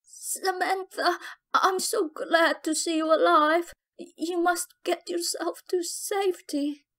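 A woman doing a dying mother in an audiobook, her voice raised high and strained as she gasps for air. She speaks faintly and in pain, fading in and out. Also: steady tone, a little slow. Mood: agonized. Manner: breathless, faint, pained. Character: dying mother, gasping in agony.

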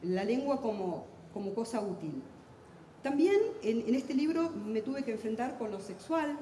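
A middle-aged Argentine woman speaks in a rather high but mellow voice, rushing through her thoughts with intensity and wry humor. She is a translator addressing a book fair audience. The sound rings around a large hall with a long, echoing tail. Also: lively intonation, slight background noise. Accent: Argentine Spanish. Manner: talks fast and intensely, self-deprecating humor. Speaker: literary translator on a panel. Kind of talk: lively public talk at a book fair. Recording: echoey hall with long reverb.

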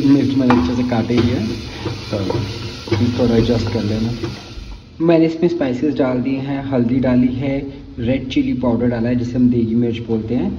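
A man, talking casually as a cooking vlogger in a home kitchen and apologizing for rushing. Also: medium pitch, background noise. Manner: chatty and hurried, apologizes for rushing. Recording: roomy, slightly dull home recording.

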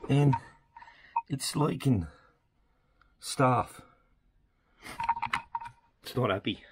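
A man's voice: medium pitch, very slow. Laconic man, very noisy recording. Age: middle-aged. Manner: laconic, short offhand phrases. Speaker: motorbike vlogger. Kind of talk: casual off-the-cuff vlog chat. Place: outdoors, on and around a motorbike. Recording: loud engine, traffic and handling noise.

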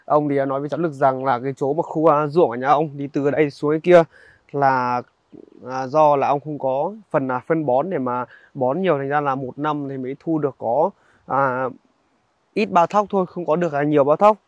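A young man, narrating a casual outdoor vlog in a halting, conversational way and speaking directly to viewers. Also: fairly high pitch, no room sound, muffled recording. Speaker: vlogger. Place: outdoors in a highland village.

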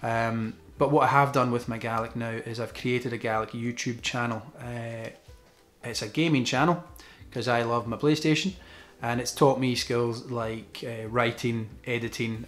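Even-toned young Scottish man. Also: medium pitch, moderate pace. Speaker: gaming video creator. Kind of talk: informal talk to camera. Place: small indoor room with desk.

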